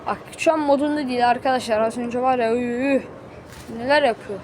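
A woman with a high, bright voice chats to her viewers while filming on a phone in a chicken coop. She talks to them like friends and bluntly shoos the birds that crowd her. Loud clucking and farmyard noise sit right under her voice. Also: steady tone, fast talker. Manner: chatty, addresses viewers as friends, scolds animals bluntly. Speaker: vlogger. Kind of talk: casual vlog chat.

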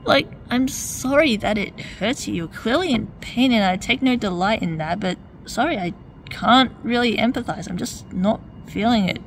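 A woman delivering a point-by-point rebuttal in a wry, needling way, stacking up rhetorical questions. Her voice sits at an ordinary middle pitch and is mostly plain, rising in emphasis on her key points. A faint hiss of noise runs under the recording. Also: normal speed. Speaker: video essayist. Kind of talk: argumentative commentary.

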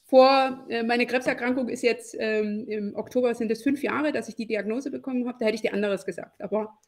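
A woman in her forties speaks over a video call, her fairly high voice carrying a gravelly edge. She talks reflectively, stopping often on little fillers and "ne?" tags. It is the easy back-and-forth of a podcast interview. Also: fairly even intonation, a little fast. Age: 40s. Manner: reflective, many fillers, frequent "ne?". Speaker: podcast guest, lawyer and networking expert. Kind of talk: casual conversational interview. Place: home room with shelves.

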